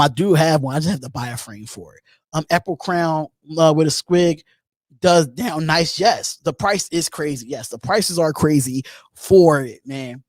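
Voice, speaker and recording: Alone at the mic, a man in his thirties hosts a live call-in show, chatting casually, echoing his own phrases, and pausing on stretched ums while reading the chat out loud. His pitch runs a little high, and there's no echo.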